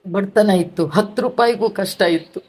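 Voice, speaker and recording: Woman, middle-aged, grieving testimony, halting repetitions, mid pitch. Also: darkish tone. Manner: grieving, repeats words and restarts. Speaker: devotee sharing her testimony. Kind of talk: emotional personal testimony.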